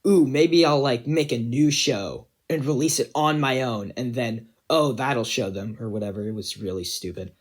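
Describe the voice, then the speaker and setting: A young man talks through his own animation project in a loose, rambling way. He leans on fillers and pokes fun at himself, at an ordinary mid pitch. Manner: rambling, self-deprecating, many fillers. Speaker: animation creator giving developer commentary. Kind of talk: casual commentary.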